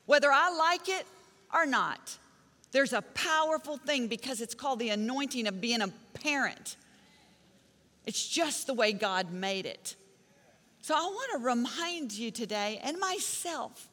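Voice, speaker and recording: Bright-voiced woman preaching in a hall. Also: sits high, lively intonation, unhurried. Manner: emphatic, storytelling preaching with punchy repeated phrases. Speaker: pastor. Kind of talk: sermon. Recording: long reverb of a large hall.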